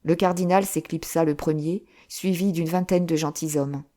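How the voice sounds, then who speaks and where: A woman narrating an audiobook of a classic novel in a steady, measured storytelling voice. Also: sits low.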